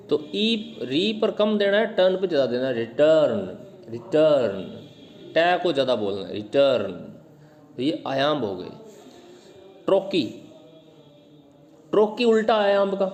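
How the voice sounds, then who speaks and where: A man teaching literary terms, explaining patiently and repeating example words slowly to show where the stress falls. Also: a little high, darkish tone.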